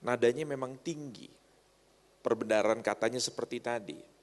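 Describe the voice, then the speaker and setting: A man's voice: mid-range voice, normal speed. Joking male preacher in a reverberant church. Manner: joking, often asks the crowd to agree. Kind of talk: humorous sermon to a congregation. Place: church hall. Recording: long church hall reverb.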